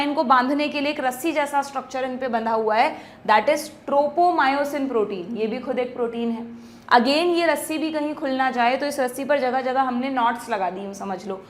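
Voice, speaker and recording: A woman's voice: high voice, normal speed, a little hiss or hum. A woman biology teacher giving an exam-prep lecture, explaining step by step and checking in with her students in phrases.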